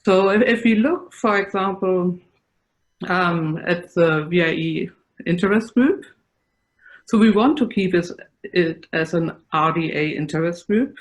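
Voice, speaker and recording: A woman's voice: fairly low pitch, low-quality recording. A woman with a German accent chairing an online research meeting over a video call, explaining ideas earnestly with small restarts. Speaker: session chair, research professor.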